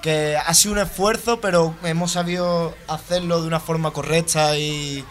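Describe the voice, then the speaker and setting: A man's voice: fairly high pitch, steady tone, moderate pace. A man, a band member on a radio show, talking informally and often asking "you know?". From Málaga, Spain. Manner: informal, keeps adding "¿sabes?". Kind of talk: casual radio interview. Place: radio studio.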